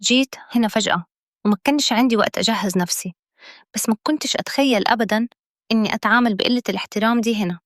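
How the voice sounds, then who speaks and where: Woman as bold young heroine, Egyptian accent, firm and fast. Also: fairly high pitch, natural voice. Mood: commanding. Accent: Egyptian Arabic. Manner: confident, firm.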